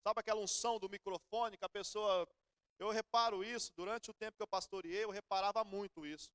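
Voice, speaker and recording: A man's voice: high-pitched, steady tone, fairly quick, fairly bright tone, clear, resonant tone, dry recording, studio quality. A middle-aged Brazilian man preaching a sermon in church, telling everyday stories in a conversational way. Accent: Brazilian Portuguese. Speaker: pastor.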